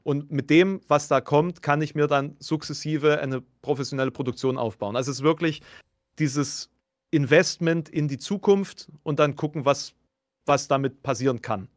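A man's voice: fairly high pitch, moderate pace, no echo. Wry man, dry close sound. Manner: wry, self-deprecating, rambling with restarts. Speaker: guest. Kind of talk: casual chat.

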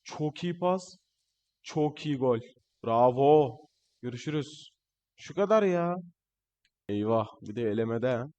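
A young man commentating his own football video game match, excitable and shouting at the players on screen, his voice a bit strained. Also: medium pitch, takes it slowly, pauses often, dull audio. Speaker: gaming channel host. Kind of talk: live gameplay commentary.

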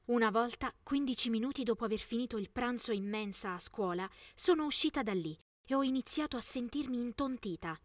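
A young woman narrates a first-person teen story for an animation. Her voice sits a little high, and she enunciates clearly with expressive delivery. The recording is dry and close, with little room sound. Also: a little fast, few pauses, no room sound.

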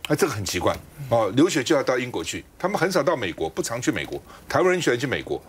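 A man's voice: medium pitch, big pitch swings, very fast, slight background noise. A man hosting a political talk show, chatty and explanatory, often tagging his sentences with a casual particle. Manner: chatty, explanatory, ends phrases with a tag particle. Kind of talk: political commentary chat.

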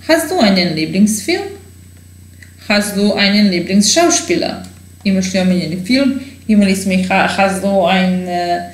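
Woman teacher with a low, echoey voice. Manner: explains slowly, repeats phrases, thinks aloud with fillers. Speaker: German teacher. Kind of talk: bilingual language lesson.

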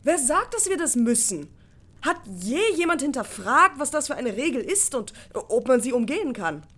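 Brief: a determined young male apprentice, urgent and pleading, pitched up, read by a woman. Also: animated, normal speed, fairly bright tone. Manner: earnest, urgent, persuasive. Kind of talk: audiobook character voice.

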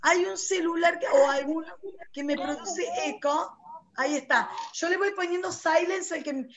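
A woman teacher with an Argentine Spanish accent, running an online English class in a lively, coaxing way. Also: extremely high pitch, moderate pace. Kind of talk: online class, drilling vocabulary. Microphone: computer mic on a video call. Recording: noisy video call audio.

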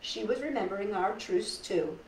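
A middle-aged woman with a medium-pitched voice reads a picture book aloud to children as a storytime host. She is animated, uses dramatic pauses, and makes chatty asides to her young listeners. The recording is from a living room, with a distant mic, a roomy sound, and background noise.

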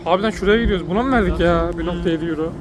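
A man's voice: sits high, racing. A young man bantering wryly and casually for a vlog outdoors. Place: outdoors near vehicles. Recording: loud outdoor traffic noise.

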